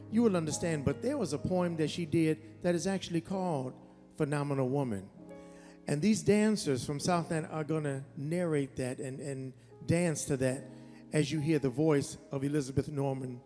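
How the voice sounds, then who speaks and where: A man's voice: fairly high pitch, mellow. A man speaking earnestly to an audience as a concert emcee, with a few hesitant restarts. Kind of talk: event speech to an audience. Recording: long hall reverb, faint music.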